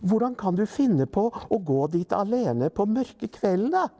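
Storybook mother, anxious and stern, scolding, voiced by a male reader. Higher pitch, warm tone. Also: very animated, in a large hall, full character voice.

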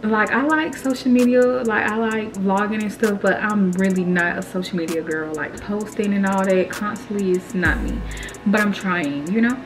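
A woman's voice: mid-range voice, moderate pace. A young woman, chatting casually to viewers while she cooks in her home kitchen. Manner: chatty, loose and informal, talks straight to viewers. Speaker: vlogger. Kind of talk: casual cooking vlog. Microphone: camera mic, filmed by a helper. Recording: background music under the voice.

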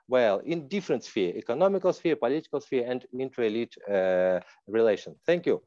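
Halting man on a dull video call. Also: mid-range voice, lively intonation, dark tone, no echo. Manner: halting, many fillers and restarts. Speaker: panelist. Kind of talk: online panel talk. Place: room at home. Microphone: earphone mic on video call.

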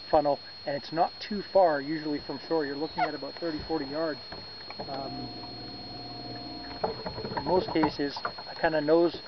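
A man in his thirties hosting a fishing vlog from a boat on a lake, explaining in a relaxed, casual way to a camera on a tripod. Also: a little high. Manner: relaxed, explanatory, gestures while talking, some fillers and self-corrections. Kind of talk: casual how-to talk to camera. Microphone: camera on a tripod a few meters away. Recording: dull lo-fi camera audio with wind noise.

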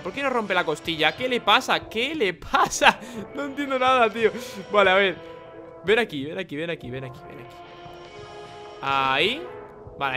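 A young man with a Spain Spanish accent, giving excitable, chatty gameplay commentary and laughing often. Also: a little high. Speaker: gaming YouTuber.

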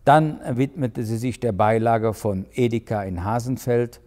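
A male crime author reading aloud from his own novel in a lively, expressive way. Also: mid-range voice, unhurried, big-room sound.

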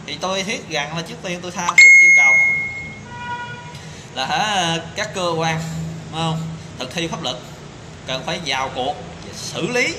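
In an echoey little tiled room with background noise, a man in his thirties films himself on a phone giving an indignant opinion piece riddled with rhetorical questions and fillers. His voice is on the high side and lively, at a moderate pace with long pauses.

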